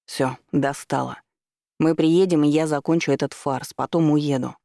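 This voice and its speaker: A man's voice: fairly high pitch, fairly even intonation, moderate pace, creaky, dark tone, no room sound, clean studio sound. A man voicing a blunt, irritated young man who speaks in a curt, dismissive way.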